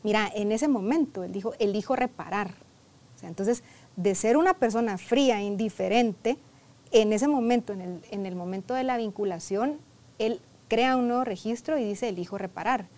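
A woman's voice: a little high, moderate pace, darkish tone. A woman therapist telling a client's story in a conversational interview, often adding "right?" and "I mean" and acting out dialogue from the session. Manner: conversational, peppered with "¿verdad?" and "o sea".

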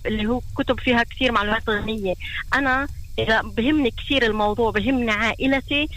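A woman's voice: a little high, a bit bright, low-quality recording. A woman with a Palestinian Arabic accent, a family therapist giving advice as a guest in a radio interview.

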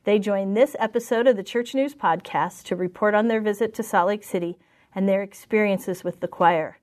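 A woman's voice: medium pitch, moderate pace, a little mellow. A woman hosting a podcast interview at a table with guests. She reads a scripted introduction, then asks the group questions. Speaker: podcast host and news editor.

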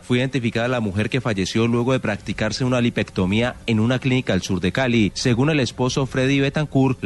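A man reading a scripted radio news report in a steady manner. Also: medium pitch. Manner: steady, read delivery.

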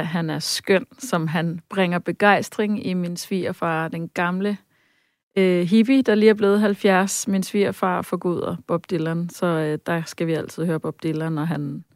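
A woman's voice: lowish voice, dry recording, studio quality. A woman who works as a vocal coach, talking in a casual interview with lots of fillers and bursts of sung examples. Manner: lively, demonstrative, often sings out examples; frequent hesitation fillers. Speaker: vocal coach and session singer.

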